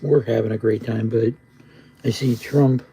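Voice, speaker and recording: A man's voice: mid-range voice, steady tone, unhurried, gravelly, warm tone, a little hiss or hum. A man live streaming casual, rambling chat in a laid-back stoner drawl, often repeating himself. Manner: repetitive, rambling.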